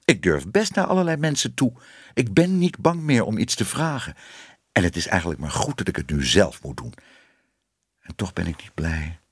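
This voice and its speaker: A man voicing a shy, kind young male reporter in a storybook, talking softly to himself. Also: sits low, big pitch swings, normal speed, husky, no echo, clean studio sound, exaggerated voice. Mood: brooding.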